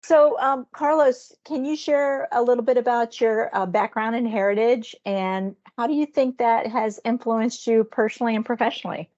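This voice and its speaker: A woman's voice: on the high side, fairly even intonation, normal speed, few pauses, a little mellow. Upbeat woman interviewer, dull audio. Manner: upbeat, encouraging, hesitant fillers. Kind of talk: casual interview conversation.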